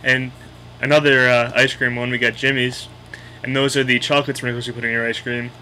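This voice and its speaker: A man's voice: medium pitch, level tone, brisk, sharp tone, slight background noise, low-quality recording. A man with a Boston accent casually explaining local slang in a blunt, opinionated, sweary way. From Boston area, United States.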